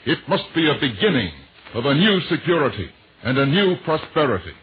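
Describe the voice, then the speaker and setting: Earnestly and emphatically, a 1940s-style radio announcer urges listeners to buy war bonds from a script. His higher voice is husky and sing-song, a little fast, and the recording is tinny and noisy like vintage radio.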